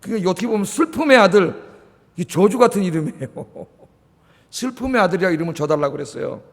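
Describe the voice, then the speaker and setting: High-voiced animated pastor in echoey hall. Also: male voice, brisk. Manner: animated storytelling, acts out quoted lines. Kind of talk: sermon. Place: church sanctuary. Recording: reverberant church hall.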